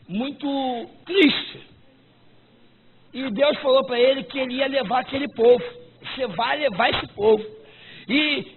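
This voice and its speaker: A man preaching a fervent sermon at a church service, often breaking into shouts. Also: extremely high pitch. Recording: tinny lo-fi recording with noise.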